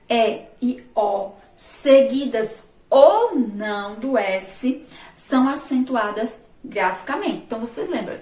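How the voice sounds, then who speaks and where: Slow-talking Brazilian teacher woman, echoey. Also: on the high side, distant mic. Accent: Brazilian Portuguese. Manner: asks the class questions and answers them herself; sounds out syllables slowly and loudly. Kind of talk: remote classroom lesson. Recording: roomy echo, voice from off mic.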